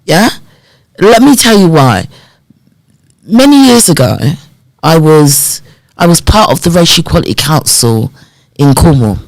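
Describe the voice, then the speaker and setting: A woman's voice: low voice, unhurried, pauses often, no echo, low-quality recording. A woman, a podcast guest telling her life story and acting out remembered conversations. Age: 50s. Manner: animated storyteller who acts out remembered dialogue. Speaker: podcast guest, community development worker. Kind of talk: personal storytelling in a podcast interview.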